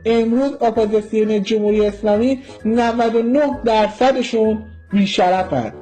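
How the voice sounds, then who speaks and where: A man's voice: high voice, fairly even intonation, mellow, faint music behind. A man from Iran giving an impassioned political monologue, vehement and scornful, lecturing his listeners. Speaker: political commentator.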